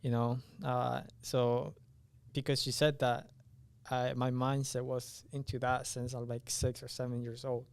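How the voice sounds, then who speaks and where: Appearing as a podcast guest, this young adult engineering student, a native Spanish speaker from Honduras who moved to the US at age nine, answers casually and often pauses to find his words. His medium pitch barely moves, and his pace is a little slow, with a creaky yet smooth voice and no echo.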